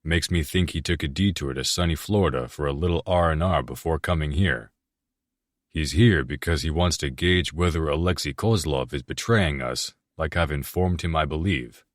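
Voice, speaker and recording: A man narrating a romance audiobook in the first person, in a steady, measured reading. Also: very deep voice, no echo, studio quality.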